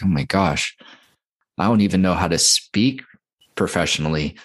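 A man from California with a Californian accent, telling personal stories casually and haltingly, often saying "like". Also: low-pitched. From Santa Cruz, California. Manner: halting, informal, frequent "like". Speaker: guest, intuitive healer.

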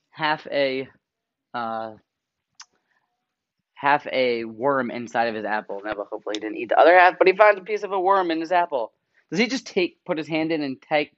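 A man hosting a podcast lesson, teaching casually and posing rhetorical questions, with low-quality audio recorded on the road without his usual microphone. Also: a bit bright, no echo. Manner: conversational, asks himself rhetorical questions. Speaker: podcast host teaching the weekly Torah portion. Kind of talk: casual spoken Torah class. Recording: dull lo-fi dry sound.

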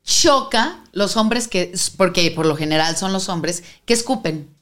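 A woman co-hosting a casual podcast chat, who cuts in quickly and asks follow-up questions. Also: fairly low pitch, animated, fairly bright tone. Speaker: podcast co-host.

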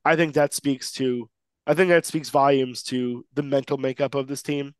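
Recorded cleanly without echo, a sports podcast co-host speaks at moderate pace in a steady, mid-range voice. He's losing it and sounds a little nasal, yet stays emphatic and excited, restarting often.

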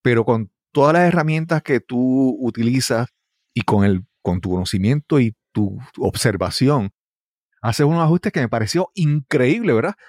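A man's voice: medium pitch, normal speed, darkish tone, dry recording, studio quality. A man hosting an interview, speaking hesitantly and often seeking confirmation. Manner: hesitant, asks for confirmation with frequent tag questions. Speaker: podcast host. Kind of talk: casual interview talk.

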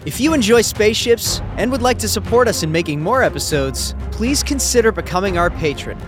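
A man delivers scripted closing credits as an announcer. His voice sits high for a man and moves in a lively way. Music plays clearly underneath. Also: brisk.

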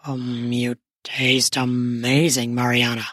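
Woman putting on a deep-voiced lusty young man. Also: fairly even intonation, unhurried, no room sound, clean studio sound. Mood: lustful.

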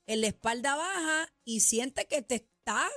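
Lively woman radio co-host. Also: a little high, unhurried, no room sound, soft background music. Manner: lively, laughing, dramatic storyteller. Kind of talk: casual radio banter.

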